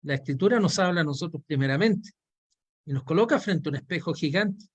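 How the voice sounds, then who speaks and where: Man explaining a diagram, slightly high voice. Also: expressive, breathy edge. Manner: explanatory, measured, walks through a diagram. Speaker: Bible counseling teacher. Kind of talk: online course lesson.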